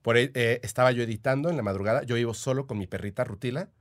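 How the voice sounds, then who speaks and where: A man's voice: mid-range voice, rapid-fire. A man with a Mexican accent, a podcast guest telling stories in casual chat, eager and full of fillers. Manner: chatty, eager, full of "o sea" and "este" fillers. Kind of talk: casual storytelling.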